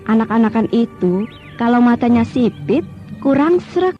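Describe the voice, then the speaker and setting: A headstrong wounded warrior, old radio drama. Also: female voice, fairly high pitch, lively intonation, normal speed. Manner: impatient, headstrong, bantering. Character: stubborn wounded young woman warrior. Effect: old radio drama recording. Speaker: Tri Andiani, a radio drama character. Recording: dull lo-fi old radio drama recording with faint music.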